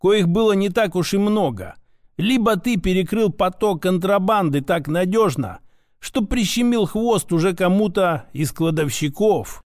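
A man voicing a stern old grandfather who calmly teaches magic in an audiobook. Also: high-pitched, no echo, studio quality. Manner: calm, instructive, measured. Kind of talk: audiobook character voice.

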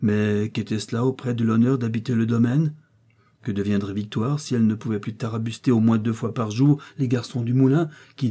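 Man reading a novel aloud, very dark mellow voice, a bit husky. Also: medium pitch. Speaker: audiobook reader. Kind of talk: scripted novel narration.

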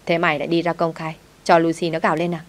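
A woman's voice: low-pitched, little pitch movement, quick pace, lightly acted. A woman voicing a brusque young man, the master of a rich house, curt and teasing with his servant.

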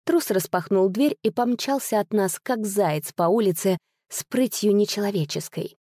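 Woman narrating a literary audiobook, mellow. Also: mid-range voice, moderate pace, dry recording, studio quality.

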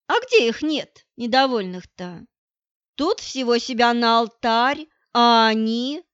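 A woman reading the lines of a gruff, flustered, boastful grey-haired middle-aged man in an audiobook, speaking curtly and grumbling. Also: on the high side, slow pace, no room sound, muffled recording. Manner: curt, grumbling.

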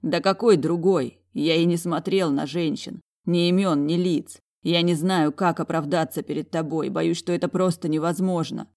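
A woman's voice: lowish voice, steady tone, normal speed, hardly any pauses, a little mellow, lightly acted. A woman voicing a proud young man who pleads earnestly for forgiveness, in storybook narration. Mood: pleading.

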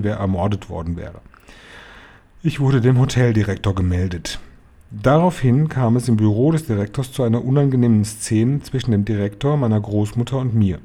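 A man narrates a children's novel in a calm, even manner. His voice is mellow and somewhat dark, at an ordinary pitch for a man. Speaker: reader. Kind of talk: audiobook narration.

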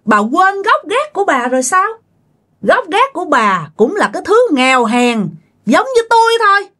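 A woman's voice: very high voice, big pitch swings, moderate pace, pushed and bright, pitched above the performer's own voice, exaggerated voice. A woman voicing a furious, vengeful female ghost, shrilly hurling accusations at the family that wronged her. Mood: bitter.

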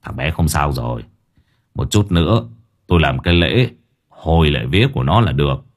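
A man doing a gruff, cursing old exorcist. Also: very deep voice, sing-song, moderate pace, heavily acted. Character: gruff old male exorcist, foul-mouthed.

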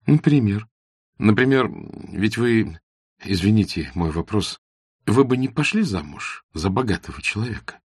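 Guy doing a curious young fella, earnest, low husky voice, dry sound. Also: expressive, moderate pace, dry recording. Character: young man, friendly, inquisitive, a bit vain. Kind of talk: audiobook character reading.

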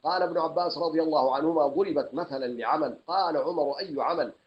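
Brief: Sudanese sheikh, man, reading out a classical commentary at a quick clip, slightly raised voice, dull lo-fi recording. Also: fairly high pitch. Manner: reads aloud, recites verses slowly, restarts phrases. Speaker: sheikh teaching Quran exegesis.

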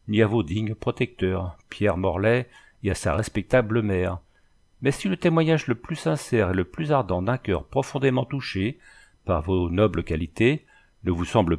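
A man reading a classic novel aloud as scripted narration, in a measured, even storytelling delivery. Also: on the low side, creaky. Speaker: audiobook reader.

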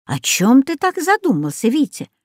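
A woman's voice: sits high, wildly swooping pitch, moderate pace, no echo, voice pushed up, exaggerated voice. A woman voicing a stern, sarcastic male math teacher in an audiobook story, with dry, ironic formal address.

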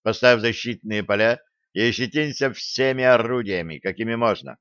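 A man voicing a gruff, sardonic male starship captain who gives bossy orders, in a dull lo-fi audiobook recording. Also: medium pitch, moderate pace, fairly bright tone, no room sound, close to an everyday voice. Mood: stern mocking. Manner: bossy, grumbling.

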